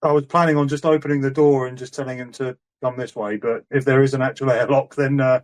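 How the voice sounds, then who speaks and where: Hesitant player. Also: male voice, mid-range voice, fairly even intonation, fast. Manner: hesitant, checking the rules. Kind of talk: casual tabletop play.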